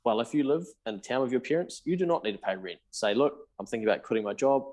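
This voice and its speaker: A man's voice: medium pitch, expressive, fast, darkish tone. A man in his thirties with a New Zealand accent, a podcast guest telling his story candidly, swearing casually and acting out past conversations. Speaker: podcast guest, accountant and business founder.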